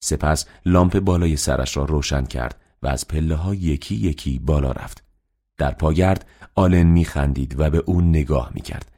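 A man reading a novel aloud as an audiobook narrator, in a steady, measured way. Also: very deep voice. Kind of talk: scripted narration.

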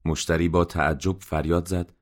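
A man reading a story aloud in a measured, subdued narration. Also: sits low, level tone. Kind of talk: scripted audiobook narration.

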